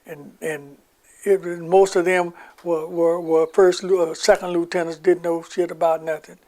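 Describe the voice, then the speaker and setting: A man's voice: a little high, level tone, moderate pace, a little mellow. An older man recounting his wartime army memories in an oral history interview, rambling and acting out the voices of people he quotes.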